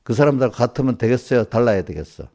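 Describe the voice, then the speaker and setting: A man's voice: medium pitch, lively intonation, quick pace, a little mellow. A man, a pastor, preaching informally to congregants and scolding them with one rhetorical question after another. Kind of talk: small-group sermon addressing congregants directly.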